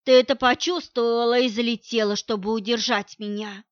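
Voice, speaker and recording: A woman's voice: fairly high pitch, unhurried, fairly bright tone, no room sound. A woman reading as a scornful, cold man. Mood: angry scorn. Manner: harsh, cutting, accusing. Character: scornful man, cold toward his pregnant partner. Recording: dull lo-fi recording.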